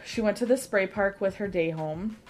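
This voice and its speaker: A woman's voice: medium pitch, normal speed. A woman in her thirties casually telling a rambling story on a podcast, full of "like" fillers. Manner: rambling, lots of "like" fillers, animated retelling. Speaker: podcast co-host.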